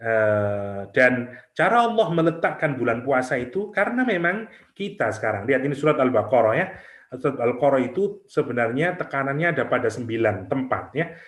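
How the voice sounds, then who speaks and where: A middle-aged male preacher delivers a sermon in a roomy, echoing space. His pitch sits in an ordinary middle register. He presses his points with rhetorical questions and drops into quiet, prayer-like asides. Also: sing-song, brisk. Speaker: Islamic preacher.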